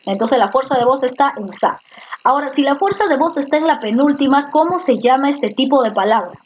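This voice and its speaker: Over slightly muffled lo-fi audio from a computer microphone, a woman runs a video lesson, patiently going over words and quizzing the class. Her high voice is expressive and brisk. A little background noise can be heard.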